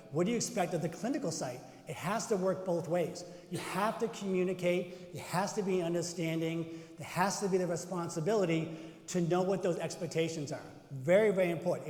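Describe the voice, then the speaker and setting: A man with a Boston accent leads an interactive session in a conference room, his voice sitting fairly high. He talks animatedly and keeps asking the audience questions. The sound rings in a roomy hall with a long tail of reverb. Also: a little mellow. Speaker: conference presenter. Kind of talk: interactive presentation to educators.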